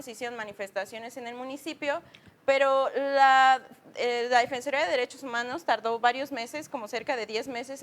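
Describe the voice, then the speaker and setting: A woman with a Mexican accent appears as a guest in a TV panel discussion, her voice on the high side and fairly bright. She's earnest and thorough, with many fillers in her speech.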